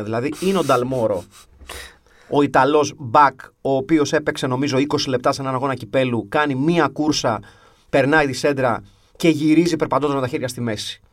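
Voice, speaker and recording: A man's voice: mid-range voice, a bit bright, dry recording. A man chatting casually as a podcast co-host, telling stories with wry, grumbling humor. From half English. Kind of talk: casual chat.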